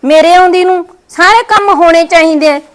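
A woman's voice: extremely high pitch, normal speed. Woman playing a bossy Punjabi daughter-in-law. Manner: commanding, scolding. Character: bossy young daughter-in-law, domineering and scheming. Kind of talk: scripted family skit.

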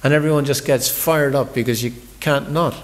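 Male speaker, sermon, chatty storytelling, middle pitch, long hall echo. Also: fairly even intonation, normal speed. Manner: warm storytelling, conversational, repeats words when he restarts. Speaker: visiting speaker giving a scripture class. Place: large temple hall.

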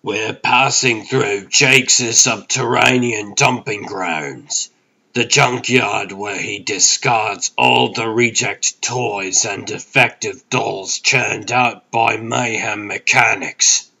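A man's voice: fairly low pitch, slow pace, gravelly, pushed and bright, husky, voice pushed down, heavily acted, poor audio. A man voicing a tough, wisecracking raccoon hero in a comic dub, brash and sardonic.

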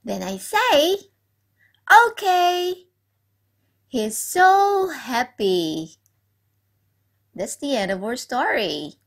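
A woman teacher tells a simple story to a class of young children. Her voice sits a little high and is slightly husky. She talks very slowly and swings her pitch widely as she asks questions and praises the answers. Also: big pitch swings. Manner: asks the class questions and repeats key words; praising, encouraging.

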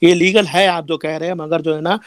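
A man's voice: fairly high pitch, steady tone, a little fast, dry recording, clean studio sound. A man in a heated online debate who hesitates and stammers, often repeating filler phrases. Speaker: debater defending Islam.

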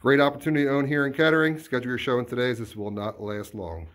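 Racing along in a mid-range voice, a man narrates a house tour as a real estate agent, walking through empty, bare rooms. His tone stays relaxed and informal with small self-corrections, and the handheld phone recording has echo and faint background noise.

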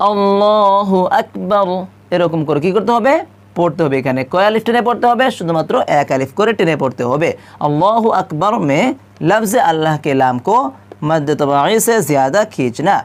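A woman teaching how to recite the call to prayer, asking herself questions and answering them, stretching out the example phrases as she chants them. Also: lowish voice. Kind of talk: explaining the correct call to prayer.

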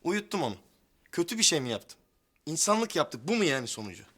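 An actor playing a young brother-in-law, a troublemaker who talks his way out with fast excuses. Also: on the high side, very animated, bright, forceful tone, full character voice. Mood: pleading.

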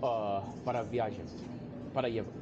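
A young man, a native English speaker, chatting haltingly in English-accented Portuguese and repeating words as he practises. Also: on the low side, fairly even intonation, lo-fi sound. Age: young adult. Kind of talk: casual chat, practising a new language. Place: small cafe, indoors. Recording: very noisy on-location camera audio. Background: cafe ambience noise.

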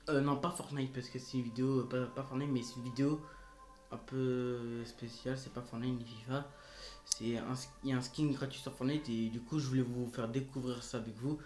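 A man's voice: medium pitch, little pitch movement, a little fast, a little mellow. A man hosting a casual gaming tutorial vlog, hesitant and rambling, with many fillers and restarts, recorded on a phone. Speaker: gaming video host.

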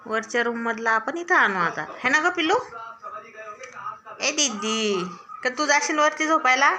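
A woman's voice: sits high, animated, measured pace, pushed and bright, faint music behind. A woman with a Marathi accent chatting casually at home, coaxing and affectionate with her child. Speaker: vlogger and mother. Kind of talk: casual family chat.

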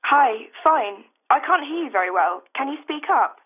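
A woman's voice: high-pitched, lively intonation, moderate pace. A woman answering briefly and casually, heard over a landline phone. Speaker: actor in a course-book dialogue. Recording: tinny narrow phone line.

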